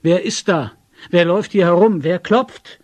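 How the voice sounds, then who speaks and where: A man's voice: sits high, unhurried, no room sound, voice pushed up. A man reading a story aloud and voicing an uneasy adult man who calls out in alarm at a knocking at night. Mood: alarmed shouting. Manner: anxious, calling out loudly.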